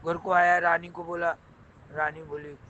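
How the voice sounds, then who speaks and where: A man telling a moral folk tale in a lively, conversational way, often repeating phrases. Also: fairly high pitch, unhurried, lo-fi sound, a little hiss or hum. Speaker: storyteller.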